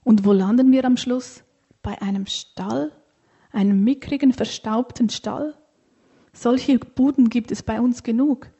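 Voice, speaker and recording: Storybook camel, sulky grumbler, lilt, slow, breathy and mellow, put on by a woman narrator. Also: on the high side, fairly even intonation. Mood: grumbling. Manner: grumbling, whiny, drawn-out complaints. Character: grumpy complaining tired camel.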